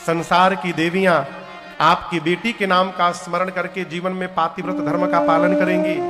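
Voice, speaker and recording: A middle-aged man telling a devotional story as a sermon, acting out the characters and breaking into sung verses. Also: high voice. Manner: animated storytelling, chanted verses, voices for characters. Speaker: kathavachak storyteller preacher. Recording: large hall with long reverb. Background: devotional music playing.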